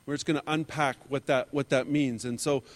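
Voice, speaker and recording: A man's voice: mid-range voice, steady tone, fairly quick. A man in his fifties giving an earnest conference talk as a church leader, often restarting and repeating his words. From Canada. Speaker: church leader leading a seminar.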